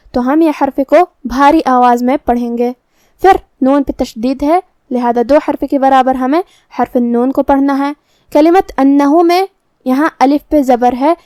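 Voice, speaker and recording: A woman with a Pakistani Urdu accent calmly explaining Quran recitation rules step by step in a tajweed lesson. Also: high voice, no echo.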